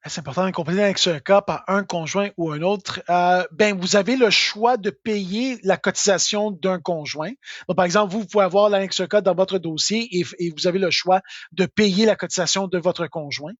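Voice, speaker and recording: A Québécois man explains tax rules in a live question session, chatty and full of fillers. His voice sits high. The sound is dry and a little dull. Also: moderate pace, no echo. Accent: Québécois French. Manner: informal, full of filler words and tag "là". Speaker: tax software expert answering questions.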